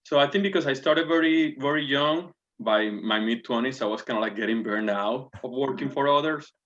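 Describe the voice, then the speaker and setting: His mid-range voice is a bit bright and fairly quick as this navy officer in his forties, a guest from Puerto Rico with a Puerto Rican Spanish accent, answers interview questions earnestly and politely. Fillers and restarts are frequent, and the audio is dull and lo-fi.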